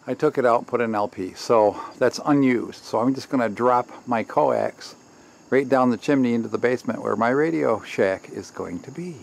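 A middle-aged man with a medium-pitched voice and some vocal fry speaks at a moderate pace. As a DIY workshop host, he gives a folksy, hands-on how-to, thinking out loud while he works. He's outdoors beside a house and inside a barn workshop.

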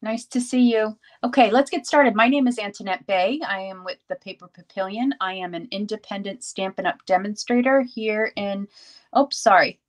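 A woman's voice: medium pitch, normal speed. A middle-aged woman from New York hosting a casual craft livestream, chatty and rambling as she greets viewers by name. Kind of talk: casual live-stream chat.

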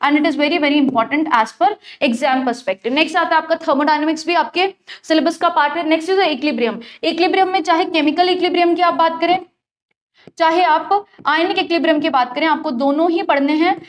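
A woman's voice: very high voice, fairly quick. A young woman, a chemistry teacher, giving an exam-prep lecture, explaining step by step and mixing English terms into her speech.

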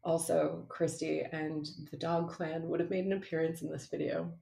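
A man giving a measured, tender birthday message to someone he has known for years. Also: a little high, flat delivery, gravelly, dark tone. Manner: measured, tender, formal address. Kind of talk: heartfelt birthday video message. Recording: echoey room.

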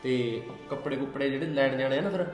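A man's voice: mid-range voice, fast, reverberant, soft background music, lightly acted. A man playing a caring son in a short-film drama, checking on his mother.

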